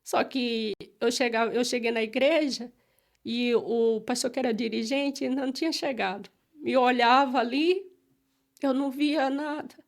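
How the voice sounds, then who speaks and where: A woman's voice: on the high side, steady tone. Earnest Brazilian woman telling her testimony. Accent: Brazilian Portuguese. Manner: earnest, halting, re-enacts her own prayers. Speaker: guest giving a testimony. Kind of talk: emotional church testimony.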